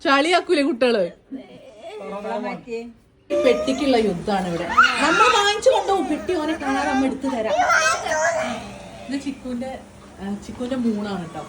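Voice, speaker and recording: A woman's voice: high-pitched, very animated, moderate pace, long pauses, over a noisy crowd. A young woman, a vlogging mother chatting casually and laughing often. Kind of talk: casual family vlog chat. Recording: loud background noise.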